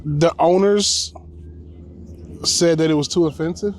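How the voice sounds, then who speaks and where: A man's voice: a little high, a little slow. A man, a stand-up comedian, chatting casually and loosely with slang while fishing outdoors. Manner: loose, slangy, laughs easily. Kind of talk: casual chat.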